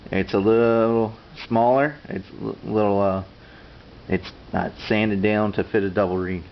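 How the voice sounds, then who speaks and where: Male instructor, lowish voice, plainspoken casual tutorial delivery, dull recording with noticeable background noise. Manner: plainspoken, matter-of-fact. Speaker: instructor demonstrating duck call tuning.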